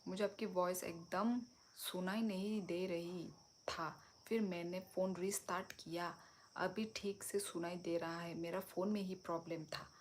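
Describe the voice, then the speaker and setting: A young woman from Tripura talks slowly in a fairly low voice on a phone live stream. She chats warmly with viewers and answers their comments one by one. Faint crickets sound in the background. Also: steady tone, slight background noise. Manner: chatty, reads and answers viewer comments, switches languages.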